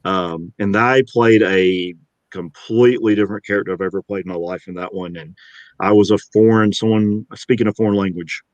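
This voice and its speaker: A man's voice: lowish voice, steady tone, brisk, no echo, highs cut off. A middle-aged man, an actor, talking in an interview in a rambling, upbeat way with many restarts. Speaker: actor and guest. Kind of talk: interview conversation.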